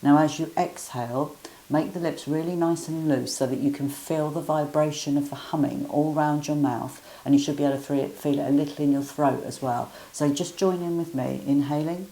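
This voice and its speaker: A woman teaching guided breathing exercises in a gentle, encouraging, step-by-step way. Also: low-pitched, fairly even intonation, brisk, low-quality recording.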